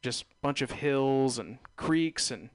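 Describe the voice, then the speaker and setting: A man's voice: mid-range voice, expressive, takes it slowly, no room sound, clean studio sound. A man hosting a casual radio chat, talking in a laid-back, hesitant, rambling way. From San Francisco Bay Area, United States. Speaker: radio host. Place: radio studio booth.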